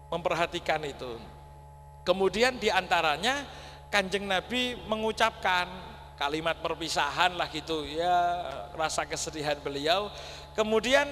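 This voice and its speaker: High-voiced preacher in an echoing mosque. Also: male voice, a bit bright. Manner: folksy, addresses audience as Pak, mixes Javanese words. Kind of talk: sermon. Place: large mosque. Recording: long hall reverb, faint hum.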